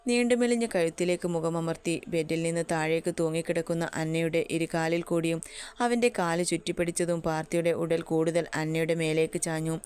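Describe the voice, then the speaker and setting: A woman reads a romance story aloud at a steady, even pace. Her voice sits lower than most women's. It sounds exceptionally smooth and clean. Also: brisk. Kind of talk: scripted story narration.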